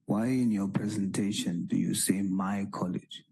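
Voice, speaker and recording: A man grills a witness at a hearing, asking slowly and insisting on answers. His voice is low and husky, with a dark tone. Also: fairly even intonation, rough recording. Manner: slow, pressing, repeats his questions. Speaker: parliamentary committee member. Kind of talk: formal questioning at a hearing.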